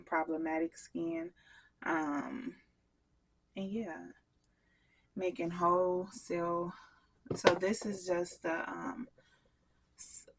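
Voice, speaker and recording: A woman vlogger chats with her viewers while working with soap, unhurried and easygoing. Her voice sits a little low, with a husky grain and a gravelly edge. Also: low-quality recording. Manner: chatty, talks straight to viewers. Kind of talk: casual chat while crafting.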